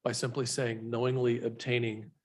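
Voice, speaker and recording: A man on the meeting staff offering brief wording suggestions in a brisk, helpful way. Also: mid-range voice, level tone, darkish tone. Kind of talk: meeting discussion.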